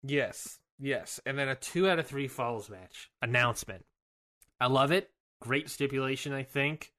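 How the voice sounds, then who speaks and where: Podcast guy riffing, excited and playful, ums and likes. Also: mid-range voice, unhurried. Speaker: podcast co-host. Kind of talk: casual chat.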